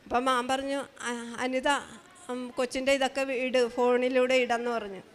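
A middle-aged woman tells her own story as a testimony, her voice pitched high. She speaks haltingly and with feeling, often breaking off and starting again. Long reverb hangs after her words, as in a large church hall. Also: flat delivery, slight background noise. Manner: halting, emotional, with many restarts. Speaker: mother giving a testimony. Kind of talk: spoken personal testimony.

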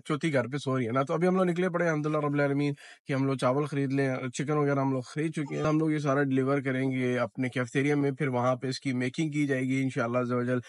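A man's voice: medium pitch, fairly even intonation, no echo. A man in his thirties vlogging casually from his car and his cafeteria, filling his talk with religious phrases. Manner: devout, peppers speech with religious phrases. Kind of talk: casual vlog narration. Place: car and restaurant kitchen, Gulf city.

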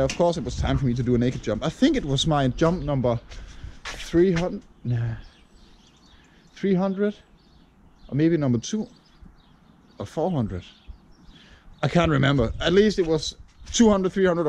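A man's voice: fairly high pitch, a little mellow, slight background noise. A man from Denmark in his thirties, talking casually to a camera held at arm's length outdoors, rambling with lots of fillers. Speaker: vlogger. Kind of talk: casual vlog talk to camera. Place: outdoors on a chilly morning.

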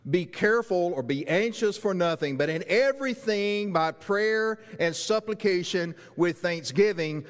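A middle-aged man preaches in a large church sanctuary, his voice sitting a little high for a man. He pleads earnestly and presses his points with repeated questions. The sound carries a long hall reverb from a distant stage mic. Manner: earnest, rising to emphatic rhetorical questions, walking the stage. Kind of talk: sermon.

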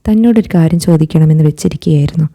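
A woman voicing a caring young man who speaks gently and reassuringly. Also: sits low, rapid-fire, vocal fry. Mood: gentle.

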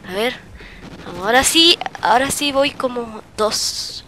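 A man with a Chilean accent giving casual gameplay commentary, excitable and bursting into shouts during fights. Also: very high voice, unhurried, background noise. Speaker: gaming video creator.

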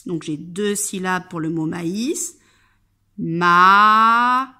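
A woman kindergarten teacher giving an instructional video lesson for young children, speaking to the child directly, articulating clearly and sounding out words syllable by syllable. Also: fairly low pitch, fairly even intonation, takes it slowly. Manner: addresses the child directly and patiently.

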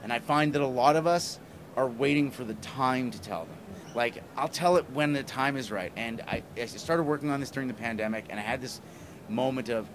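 A middle-aged comic writer and podcaster, guesting in a casual interview, talks enthusiastically and emphatically, rambling a little, in a medium-pitched, fairly quick voice. The interviewer holds a handheld mic in a small plywood booth at a convention. Convention noise is clearly audible in the background.

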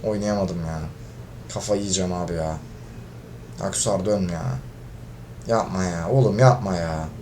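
A gaming video creator narrates his own gameplay in a deep voice at a measured pace, leaving long pauses, with slight background noise. He grows frustrated, swears at his teammates, and shouts when he's losing.

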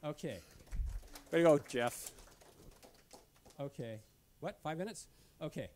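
In a dim lecture room, a middle-aged man from a caving club presents slides casually, his delivery loose and halting, full of restarts and fillers. His voice is a little high and slightly mellow, with lively intonation.

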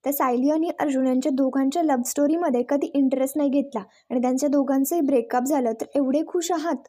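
A woman's voice: sits high, fast talker, warm tone, close to an everyday voice. A woman voicing a calculating young woman who warns her scheming father. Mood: cautioning. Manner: calculating, cautioning.

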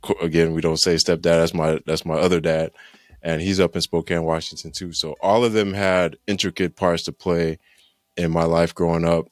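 With a low voice and a flat delivery at a moderate pace, this thirties-aged podcast guest rambles through a casual interview about his childhood, laughing frequently. He's indoors at home on a studio mic and headphones via video call; there's no echo, just faint background music.

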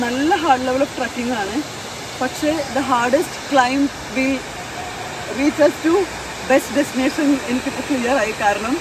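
A woman's voice: high-pitched, noisy background. Chatty young woman vlogging outdoors. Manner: chatty, mixes in English phrases, addresses viewers as guys. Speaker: travel vlogger. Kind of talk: casual travel vlog narration. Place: outdoors on a forest trail by a waterfall. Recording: background music under the voice.

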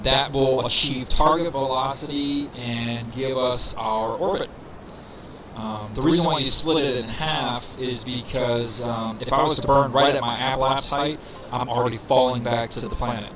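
A man narrating a casual game walkthrough, thinking aloud with fillers and counting down numbers, his voice carrying reverb from a poor microphone. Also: medium pitch. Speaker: gameplay tutorial narrator. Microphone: cheap desk microphone. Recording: reverby mic with crowd noise behind.

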